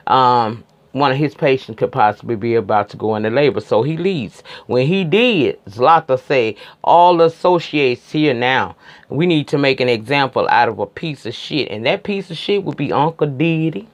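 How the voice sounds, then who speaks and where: A man's voice: mid-range voice, lo-fi sound. A man giving a casual recap of a TV episode in a sassy, gossipy way, cursing and exclaiming as he retells it.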